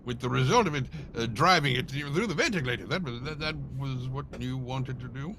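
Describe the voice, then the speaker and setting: A man's voice: medium pitch, a little fast, sharp tone, slight background noise, close to an everyday voice. A man playing Doctor Watson, a bumbling, timid sidekick who stammers hesitantly in old-time radio drama style. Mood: hesitant, uneasy.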